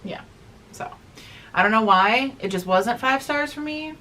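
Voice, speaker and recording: A woman in her thirties with a fairly high, swooping voice chats casually about books. She is loose, slangy and expressive, often repeating her phrases, with background noise around her. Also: measured pace. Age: 30s. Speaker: book review co-host. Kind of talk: casual book review chat.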